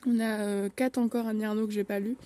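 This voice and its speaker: Giving a casual bookshelf tour, this young vlogger speaks fast from home on her phone, peppering her chatty talk with hesitations. Her voice is mid-range and dark, with a level tone.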